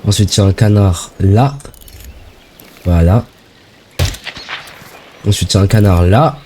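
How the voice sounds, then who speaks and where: A young man from France giving casual, excitable let's-play commentary full of slang as he plays a shooter game. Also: on the low side, unhurried, a little hiss or hum. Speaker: gaming video creator.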